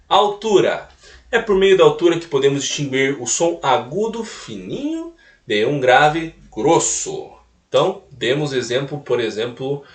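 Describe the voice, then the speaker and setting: A man teaching a recorded music lesson, explaining step by step and tagging points with little questions. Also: mid-range voice. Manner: explanatory, repeats points with "né?" tags. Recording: roomy echo, mic at a distance.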